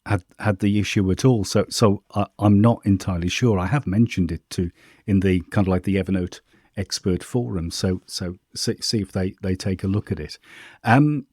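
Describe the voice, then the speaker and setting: Husky low-voiced man, chatty host. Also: normal speed, a little mellow, dry recording, studio quality. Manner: chatty, informal, thinks aloud. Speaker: host answering viewer questions. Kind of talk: casual screen-share walkthrough.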